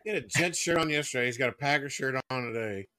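Male podcast co-host, mid-pitched, ribs his friends, dry recording. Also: quick pace, pushed and bright, no room sound. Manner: teasing. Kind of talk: casual podcast chat.

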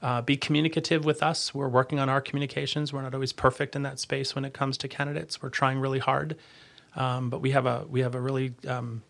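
A man giving a conversational podcast interview as an agency leader, earnest and halting, often rephrasing as he goes. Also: medium pitch, level tone, vocal fry, fairly bright tone.

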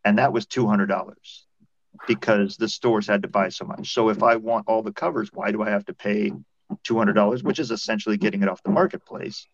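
A man speaking over a video call, with a low voice and a dry, muffled sound. He walks through his argument step by step in a casual debate tone. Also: fairly quick, no echo. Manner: explains points step by step, argumentative. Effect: heard over a video call.

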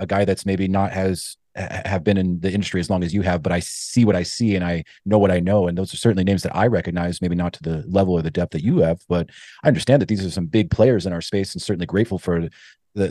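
A man's voice: deep voice, mellow, no echo, clean studio sound. A man hosting a podcast, asking long, rambling questions and affirming his guest in a casual interview. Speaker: podcast host.

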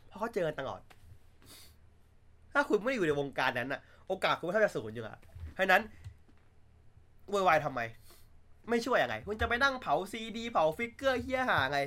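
A man's voice: sits high, sing-song, brisk, pauses often, sharp tone. A man chatting casually on a livestream, blunt and crude, joking, with many filler sounds. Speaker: streamer.

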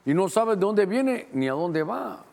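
A middle-aged man from Guatemala, a pastor preaching a Bible-study sermon who slows to read verses aloud and speeds through asides to his helpers. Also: sits high, very animated, vocal fry, darkish tone. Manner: teaching, directing helpers to show verses on screen.

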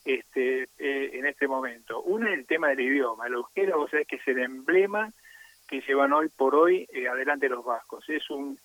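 A man's voice: medium pitch, moderate pace, fairly bright tone, dry recording, dull audio. A man speaking as a radio guest, explaining at length with hesitant fillers. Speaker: radio guest on Basque culture.

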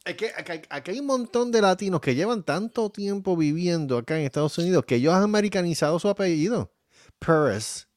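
A man's voice: high voice, animated, fast, few pauses, darkish tone, no echo, studio quality. A man with a Puerto Rican accent, co-hosting a podcast, talking in heated, swearing casual chat. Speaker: podcast co-host.

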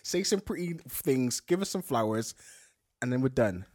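A man's voice: mid-range voice, normal speed. A young man, co-hosting a casual chat and acting out little scenes with laughter. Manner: animated storytelling, acting out voices and laughing. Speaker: podcast co-host.

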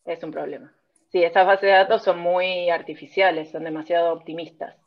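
This speech technology researcher, a woman with a Rioplatense accent, talks a little fast in a lowish voice with fairly even intonation. During the interview she patiently breaks her field down step by step, using examples. The sound is dull and lo-fi.

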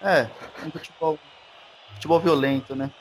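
A Brazilian-accented man speaks as a podcast guest in a slightly high voice, with faint noise behind him. He rambles through his answers and trips over his words. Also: fairly even intonation, normal speed. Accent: Brazilian Portuguese. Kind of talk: casual podcast chat.

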